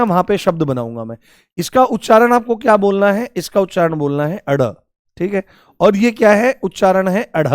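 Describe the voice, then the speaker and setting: This high-pitched male voice has a darkish tone and comes through a dry, clean studio recording. He teaches a grammar lesson, posing questions and answering them himself, and affectionately calls his students "babu."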